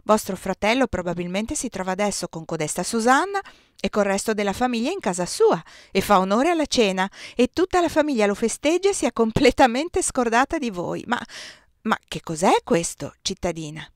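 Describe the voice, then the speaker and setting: A woman reading aloud as a courteous young official with a dry, ironic edge, speaking in measured tones a little below her own voice. The sound is close and dry. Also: big pitch swings, no echo, natural voice. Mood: calm. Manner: lower, quieter, measured delivery. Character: polite ironic young man, calm and official.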